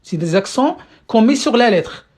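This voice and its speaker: With a mid-range, slightly mellow voice, lively intonation and normal speed, an Arabic teacher runs a live online lesson on a stream via phone or computer mic. The teacher is patient, asks the class question after question to confirm understanding, and repeats words while finding the phrasing.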